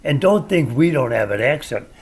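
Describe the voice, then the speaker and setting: A man's voice: medium pitch, expressive, moderate pace, slightly rough. An older man with a Midwestern accent, chatting casually and telling stories with wry opinions. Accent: American Midwestern. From American Midwest. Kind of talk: casual chat.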